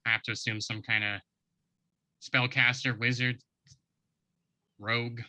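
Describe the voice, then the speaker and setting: A man voices a hobgoblin head chef for a tabletop game. The voice is very bright and forward at a middle male pitch, recorded dry. The chef is proud and guarded, measured and matter-of-fact. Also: little pitch movement, dry recording.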